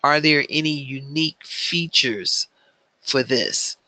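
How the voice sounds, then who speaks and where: Guy teaching an online business class, slow and careful, lots of ums, dry close sound. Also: medium pitch, sharp tone, dry recording. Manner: measured, with frequent filler ums.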